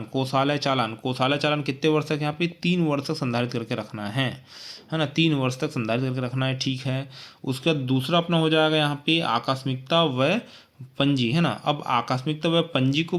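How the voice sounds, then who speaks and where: A man's voice: mid-range voice, a bit bright. A man teaching an exam-prep lesson, repeating points and checking in with frequent tag questions.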